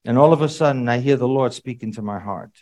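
A man preaching a sermon to a congregation in a conversational way, with rhetorical questions and sudden loud emphatic bursts. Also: mid-range voice, fast talker.

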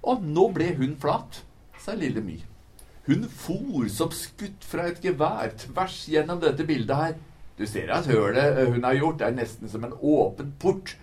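A man's voice: medium pitch, expressive, darkish tone. Sing-song male storybook reader. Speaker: book talk presenter. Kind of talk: reading a rhymed picture book aloud.

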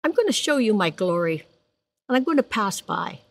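A calm, gentle God speaks quietly in a lowered voice, as a woman preacher gives him voice. The tone stays soft and steady, with a touch of the lively lilt of her own speech. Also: no echo. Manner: low, soft and unhurried. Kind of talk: retelling a scripture story in a sermon.

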